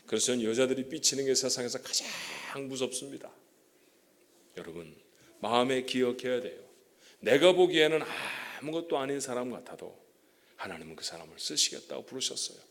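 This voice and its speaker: A man's voice: mid-range voice, a bit bright. A male pastor preaching a sermon in a church, chatting with the congregation and checking in with them often; he says he stutters. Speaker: guest pastor. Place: church sanctuary.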